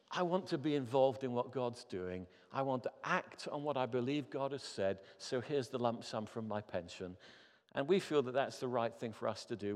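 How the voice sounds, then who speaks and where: Earnest pastor in his fifties, reverberant hall. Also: mid-range voice. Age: 50s. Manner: earnest, rising to emphatic appeals. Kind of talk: sermon. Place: church hall.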